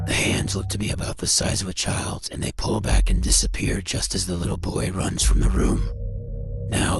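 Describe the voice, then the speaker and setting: Deep gravelly man narrating spooky clips. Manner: dramatic, suspenseful storytelling. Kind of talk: scripted narration of paranormal clips.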